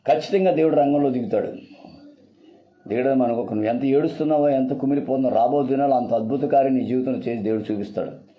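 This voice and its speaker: A man's voice: mid-range voice, quick pace, muffled recording. A man preaching a sermon in an earnest, repetitive, urgent style.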